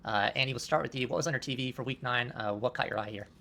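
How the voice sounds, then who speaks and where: A man's voice: medium pitch, very fast, vocal fry, pushed and bright, a little hiss or hum. A man hosting a casual college football talk show in an upbeat way. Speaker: show host.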